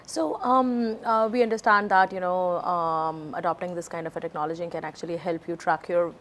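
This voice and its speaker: A woman's voice: steady tone, normal speed. A woman with a Pakistani accent, hosting a conversational interview. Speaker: interview host. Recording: faint rumbling background noise.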